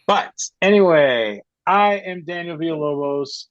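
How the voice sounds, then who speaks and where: A man's voice: on the high side, animated, a little slow, no room sound, highs cut off. A man hosting a podcast over a video call through a headset mic, chatting casually and rambling with many restarts and fillers. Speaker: podcast host.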